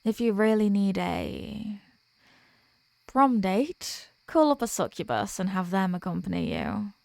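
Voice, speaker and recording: A woman plays a worldly, wry archdemoness in an intimate roleplay audio drama, teasing and flirting with coy, smug formality. Her medium-pitched, darkish, creaky voice swings widely in pitch and runs a little slow, sounding dismissive and amused. The recording is dry, with no room sound or echo.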